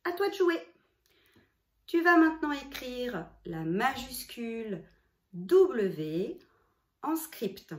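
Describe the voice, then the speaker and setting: A woman teacher guides a child through handwriting, one slow stroke at a time, in a fairly high voice that rises and falls a lot. Her voice rings in a roomy, echoing space. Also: very animated. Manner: slow, step-by-step explaining, addressing the child as "tu". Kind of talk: handwriting lesson for young children. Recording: roomy, echoey room.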